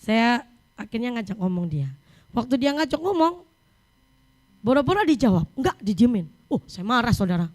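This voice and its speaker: A middle-aged woman preacher delivering a sermon, telling personal stories in a lively way. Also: on the high side, moderate pace. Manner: lively storytelling, mixing in English scripture reading.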